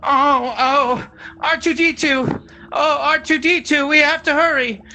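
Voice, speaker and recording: A fussy, panicky robot butler, as a man puts him on, squeaking high and bright as he frets that they must hurry. The impression is rough and tossed off, with a faint hiss of background noise. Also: fairly even intonation, exaggerated voice, rough recording. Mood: fretful. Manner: fretful, hurried, deliberately rough impression. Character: fussy, anxious golden robot butler, male.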